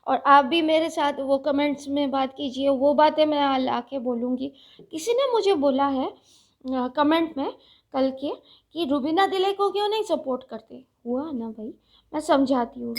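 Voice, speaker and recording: Woman vlogger, casual unscripted chat, high voice, slow and deliberate, lots of fillers. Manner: slow, deliberate talker with many fillers and restarts. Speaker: vlogger reviewing a reality show.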